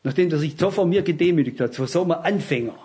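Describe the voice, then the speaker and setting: A man preaches at a Bible study, his voice sitting a little high for a man. He talks earnestly, telling anecdotes and turning to the listeners with direct questions. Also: expressive, fast talker, darkish tone. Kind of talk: sermon.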